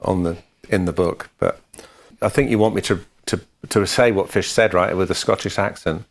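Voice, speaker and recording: A man's voice: low-pitched, normal speed, creaky. A man co-hosting a podcast, telling band anecdotes in a dry, matter-of-fact way. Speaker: podcast co-host and musician. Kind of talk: casual storytelling chat.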